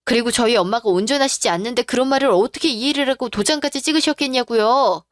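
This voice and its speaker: Lady doing a fed up wife calling out her in-laws, kinda high voice, dry audio. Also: fast talker, no room sound, close to an everyday voice. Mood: demanding. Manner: demanding, confrontational. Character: betrayed wife, confronting and furious. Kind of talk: radio drama acting.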